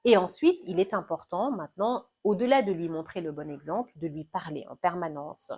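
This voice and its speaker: A woman talking through parenting in an animated, explanatory conversation, acting out little examples as she goes. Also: fairly low pitch, a little fast, slightly rough. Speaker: guest discussing parenting. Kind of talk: conversational discussion.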